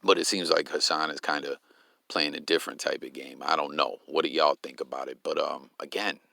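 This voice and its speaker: Deep, gravelly man hosting a commentary vlog. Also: fairly even intonation, fairly quick, bright, forceful tone, no echo, studio quality. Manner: laid-back, slang-heavy, stumbling over words. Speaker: commentary channel host.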